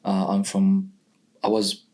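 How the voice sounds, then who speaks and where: Slowly and in a monotone, a young man from Pakistan, in his twenties, gives a casual account of his life as a youth programme participant. English isn't his first language, and his low voice has a darkish tone.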